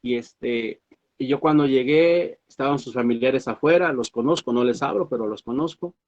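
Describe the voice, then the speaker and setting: A man, a pastor, telling a personal story, halting with fillers and restarts. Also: medium pitch, dull audio. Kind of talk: sermon testimony.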